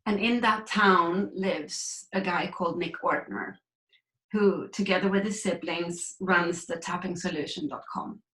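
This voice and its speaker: A grief recovery coach from Sweden, this woman has a fairly low, fairly bright voice and speaks at a measured pace. As a guest in a conversational interview she tells her story reflectively and candidly, captured in poor, reverberant audio.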